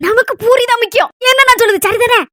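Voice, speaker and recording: A woman's voice: very high voice, quick pace, pushed and bright, no echo, studio quality. Woman doing a nosy old village mother-in-law. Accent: Kanyakumari Tamil. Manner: chattering, gossipy, nagging. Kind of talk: cartoon voice acting.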